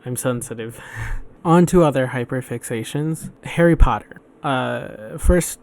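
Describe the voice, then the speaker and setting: A man's voice: mid-range voice, unhurried, creaky, a little mellow. A man hosting a solo podcast, chatting casually and rambling, swearing and restarting his sentences often. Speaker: podcast host.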